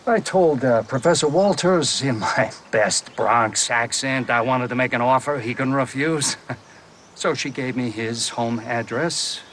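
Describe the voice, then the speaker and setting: A man's voice: medium pitch, unhurried, a bit bright, a little hiss or hum, natural voice. A man from the United States playing a genial, expansive antiques and manuscripts dealer who chuckles as he talks. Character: genial American male manuscripts dealer, jazz lover.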